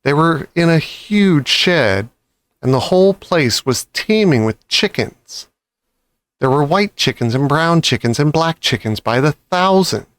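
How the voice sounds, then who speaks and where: A man's voice: fairly high pitch, expressive, measured pace, no room sound. A man reading a children's story aloud as scripted narration. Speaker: audiobook reader.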